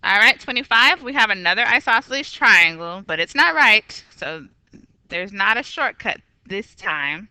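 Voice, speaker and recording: Woman math teacher, bright voice, dry close sound, patient step-by-step delivery. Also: mid-range voice, expressive, normal speed, clean tone, dry recording, poor audio. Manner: patient, methodical, corrects herself aloud. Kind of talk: recorded geometry lesson.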